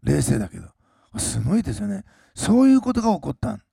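A pastor preaching a sermon, swinging between loud, slowed emphasis and quiet, low asides to the congregation. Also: male voice, wildly swooping pitch, gravelly, husky, dry recording, studio quality.

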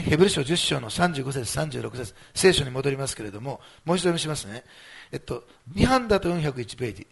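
Male pastor, conversational sermon, filler-heavy delivery, rough husky tone. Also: medium pitch. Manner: conversational, many fillers like ano and ne.

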